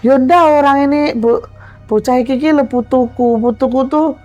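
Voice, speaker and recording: A woman with a Javanese accent voicing a possessive old male ancestral spirit who speaks in slow, commanding tones. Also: high-pitched, steady tone, mellow, lo-fi sound, soft background music, voice pushed up, close to an everyday voice. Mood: imperious.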